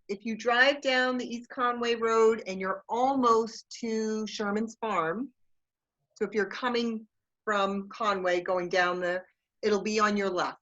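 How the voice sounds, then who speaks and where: A woman's voice: a little high, a bit bright. Chatty woman storyteller, video call, slightly dull lo-fi sound. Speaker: staff member sharing news. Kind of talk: casual video-call chat.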